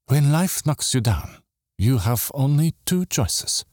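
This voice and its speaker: A wise old aunt, firm yet gentle, speaking slowly and deliberately, as a male narrator voices her. A remembered voice in a storybook, lifted a little higher than his own. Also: big pitch swings, dry recording, clean studio sound.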